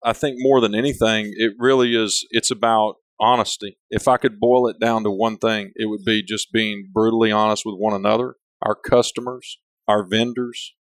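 Appearing as an interview guest, the company leader talks candidly in a casual setting, a man of big voice and big personality who rambles and keeps restarting sentences. His fairly low voice has fairly even intonation and a moderate pace, with hardly any pauses and no room sound.

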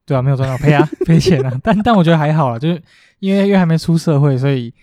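Fast-talking young man, mellow tone. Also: a little high, expressive, dry recording, studio quality. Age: young adult. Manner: quick, laughing, self-mocking. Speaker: departing intern. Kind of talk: casual podcast chat.

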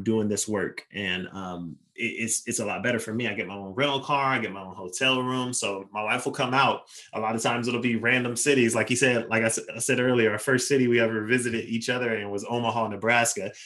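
A young man, a touring basketball player, telling lively anecdotes in a casual interview with quick asides. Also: lowish voice.

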